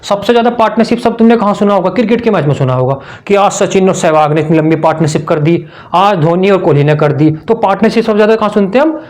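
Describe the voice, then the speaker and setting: A man's voice: high voice, quick pace, darkish tone. A man, teaching exam memory tricks in a chummy way. He asks his own questions, answers them himself and keeps repeating the key words.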